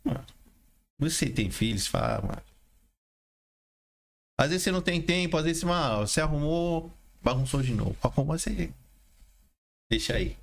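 A man's voice: medium pitch, gravelly, slight background noise. Slangy man telling stories. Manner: slangy storyteller, calls others mano and irmão. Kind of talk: casual chat.

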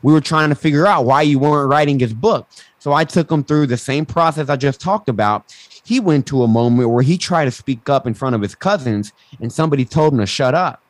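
A man's voice: medium pitch, brisk, no echo, poor audio. Man with a lisp, says w for r. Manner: emphatic, mild swearing, acts out quotes. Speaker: interview guest, mindset coach and speaker. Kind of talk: animated explanatory interview talk. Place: indoors, online video call.

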